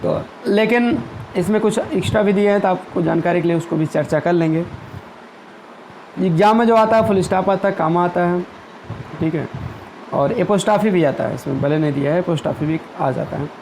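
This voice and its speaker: High-voiced male teacher explaining grammar. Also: gravelly, a little mellow, a little hiss or hum, rough recording. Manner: patient, explains step by step with everyday examples; reads English example sentences slowly. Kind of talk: classroom grammar lesson.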